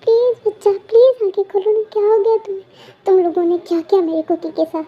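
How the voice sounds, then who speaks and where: A woman's voice: extremely high pitch, steady tone, quick pace, muffled recording, pitched above the performer's own voice. A young woman voicing a frantic, protective older sister in a fan-made story, pleading and accusing through tears.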